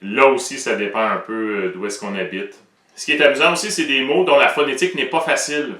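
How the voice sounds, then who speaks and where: A man's voice: mid-range voice, brisk, sharp tone, roomy sound, far from the mic. A man with a Québécois French accent, explaining pronunciation in a playful, joking way as the presenter of an educational show.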